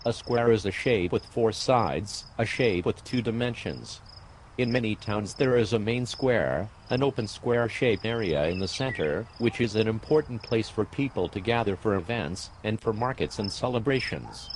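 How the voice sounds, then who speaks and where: Low-voiced man reading an English lesson. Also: expressive, moderate pace, slight background noise. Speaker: English teacher.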